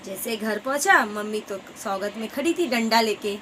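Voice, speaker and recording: A woman narrating a children's story in a slow, expressive storytelling manner with drawn-out words. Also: on the high side, slight background noise, poor audio.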